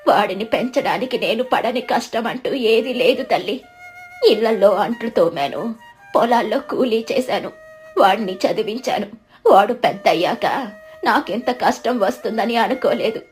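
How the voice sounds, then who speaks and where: A woman voicing a frail, lonely old village woman who speaks weakly and slowly, in a storybook. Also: on the high side, faint music behind, close to an everyday voice. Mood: tender. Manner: weak, slow, pleading. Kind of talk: storybook narration.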